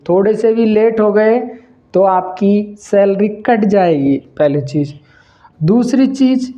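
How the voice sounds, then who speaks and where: The voice is high and a little mellow, and the recording sounds muffled. A man hosting his own channel explains business ideas straight to camera like a casual lecture, stressing points over and over and calling his audience brother.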